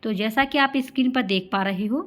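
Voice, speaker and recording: A woman teaching an exam-prep grammar lesson, calling her viewers friends, asking questions and answering them herself, and drawing out example sounds slowly. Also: a little high. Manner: addresses listeners as friends, asks and answers own questions.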